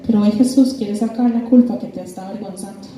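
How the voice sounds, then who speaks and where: A woman's voice: mid-range voice, fast talker. A woman preaching a sermon, passionately acting out the dialogue of the scripture story. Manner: impassioned, acts out dialogue between biblical figures. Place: church. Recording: echoey church hall with music. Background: soft music.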